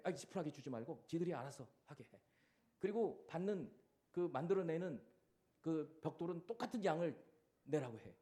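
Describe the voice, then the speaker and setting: A man preaching a sermon as pastor, animated and acting out the cries and commands he quotes. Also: high voice.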